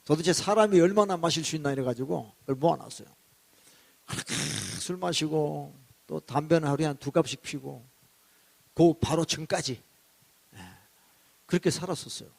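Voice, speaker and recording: Guy pastor with a high voice, church revival sermon, emotional testimony, gets loud and shouty. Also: normal speed, creaky, pauses often. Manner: emotional, animated storytelling with shouted outbursts.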